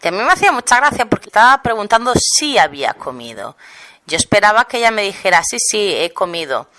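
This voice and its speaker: Young Catalan-accented female teacher, bright voice, patient explanatory delivery for an online language class. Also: medium pitch, lively intonation, fast. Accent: Catalan Spanish. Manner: explanatory, demonstrating pronunciations. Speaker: Spanish teacher.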